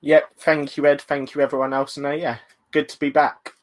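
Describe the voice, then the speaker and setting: Cheerful panelist, slightly higher voice. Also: male voice, level tone, brisk. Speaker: podcast panelist. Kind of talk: casual panel chat.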